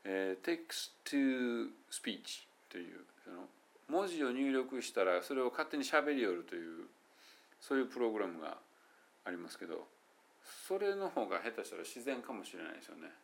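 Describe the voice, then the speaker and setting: A man with a Kansai Japanese accent giving a casual, chatty English pronunciation lesson, slowly sounding out English words to demonstrate them. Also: fairly low pitch, very animated, gravelly. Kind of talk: casual solo lesson talk.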